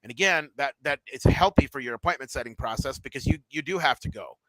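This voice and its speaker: A man of middle pitch coaching telemarketing in a relaxed, chatty way, full of fillers and asides to the guys. He sounds a bit tired from a headache. The recording is dry and close, with no room sound. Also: fast, no echo, low-quality recording. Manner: loose and conversational, many fillers, addresses listeners as guys. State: mild headache, low energy. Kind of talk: casual spoken tutorial.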